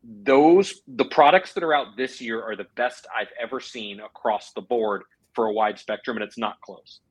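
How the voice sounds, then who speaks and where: A man with a husky, slightly breathy voice chats on a golf podcast. He talks gear with enthusiasm and keeps needling his co-host with jokes. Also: mid-range voice, low-quality recording. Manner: teasing, enthusiastic, quick to joke. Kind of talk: casual podcast chat.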